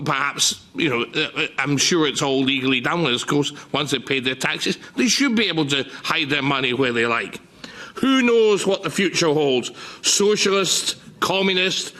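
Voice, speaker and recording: An older man delivers an indignant, scornful political rant in a parliamentary debate, emphatic but halting in places. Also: on the high side, pushed and bright. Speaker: politician giving a speech in parliament.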